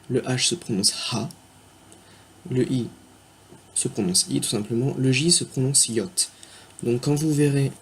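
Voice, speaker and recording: A man teaching a beginner language lesson on video, talking unscripted, spelling words out slowly and stopping often to hesitate. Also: medium pitch. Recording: faint background noise.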